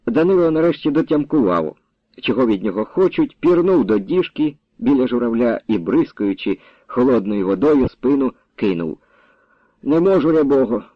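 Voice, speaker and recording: A man's voice: mid-range voice, dry recording. Man narrating a village story. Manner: measured, expressive reading. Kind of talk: audiobook narration. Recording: dull, dry recording.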